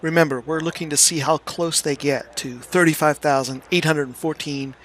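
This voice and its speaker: A middle-aged man giving a casual explanatory lesson, presenting like a teacher and halting now and then as he thinks aloud. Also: fairly high pitch, fairly even intonation, fairly bright tone. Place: small indoor room.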